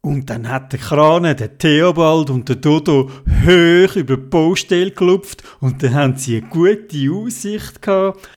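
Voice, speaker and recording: A storyteller with a Swiss German accent, telling an animated children's bedtime story and acting out voices. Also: mid-range voice.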